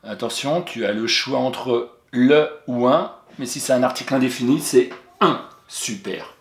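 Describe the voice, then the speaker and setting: A patient, encouraging man walks a young pupil through spelling, sounding out each letter. His voice sits at an ordinary middle pitch. The room around him rings with noticeable echo. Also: a little slow. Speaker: teacher. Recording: roomy echo.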